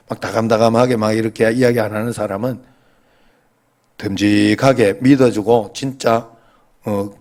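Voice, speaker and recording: Chatty pastor. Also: male voice, medium pitch. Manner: chatty, joking, asks the congregation "eh?" often; grows louder and more emphatic when preaching on scripture. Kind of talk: sermon.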